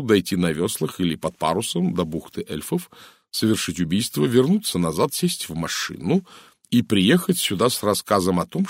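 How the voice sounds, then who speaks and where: Man voicing authoritative chief constable, audiobook; dry close read, methodical and measured. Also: on the low side, slightly rough, no room sound, full character voice. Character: methodical middle-aged male chief constable. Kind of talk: audiobook character reading.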